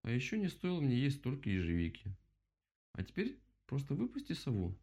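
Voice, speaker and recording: A man voicing a calm, wise and kind female bear in a storybook, speaking gently and reassuringly. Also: mid-range voice, fairly quick, slightly rough, voice pushed up, full character voice.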